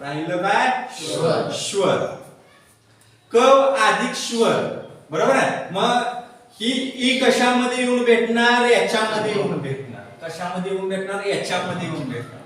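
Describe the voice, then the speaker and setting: A male teacher drills his class, asking a question and then answering it back slowly. His voice sits high. It is heard from across a bare, echoing classroom, well away from the mic. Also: a bit bright. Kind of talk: classroom grammar lesson. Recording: echoey classroom from far off.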